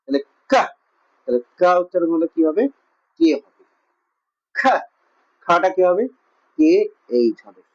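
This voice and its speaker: A man's voice: high voice, very animated, a little slow, pauses often. A man teaching a lesson with a West Bengal Bengali accent, asking questions and answering them himself with lots of repetition. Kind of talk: classroom lesson. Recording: muffled lo-fi recording.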